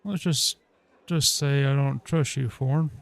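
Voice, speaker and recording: Gravelly male game streamer, close and dry. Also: mid-range voice, fairly even intonation, slow pace, no echo. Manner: hesitant, thinking aloud. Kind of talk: casual gameplay commentary, reading dialogue choices aloud.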